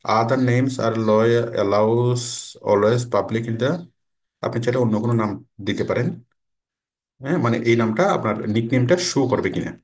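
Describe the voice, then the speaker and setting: Man, online course instructor, slow step-by-step explaining, reads English menu labels aloud, close desk mic. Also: medium pitch, a little mellow. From Bangladesh. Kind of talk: screen-recorded tutorial.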